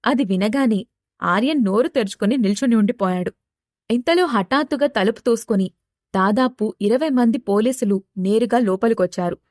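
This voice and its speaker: A woman giving scripted narration of an audio novel in a clear, even storytelling manner, recorded on a close studio mic. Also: a little high, moderate pace, no echo. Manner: even, clear storytelling delivery that voices every character.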